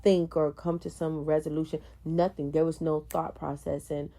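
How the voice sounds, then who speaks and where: A woman with a low, mellow voice talks through a film in a casual podcast chat. She gets animated, acting out scenes in a raised voice. Between her points she keeps up a steady run of mm-hmms. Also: normal speed. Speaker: podcast panelist.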